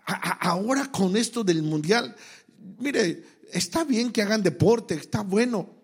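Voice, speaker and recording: A Mexican man preaching a sermon with a Mexican accent, swinging between loud exhortation and quiet asides, then leading the congregation in prayer. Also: fairly high pitch, slightly rough. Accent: Mexican Spanish. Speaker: pastor.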